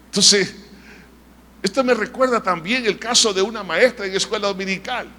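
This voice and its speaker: A man's voice: sits high, normal speed, bright, forceful tone, long reverb tail. A man preaching a sermon as pastor, firing rhetorical questions at the congregation and acting out short quoted voices in his stories. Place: church sanctuary.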